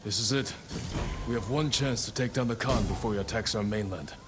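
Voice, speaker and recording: Over background music, a male actor with a lowish, near-everyday voice performs a resolute samurai war leader in a video game. The character is solemn and loyal to his companions. The dramatic delivery is measured, grave, and commanding.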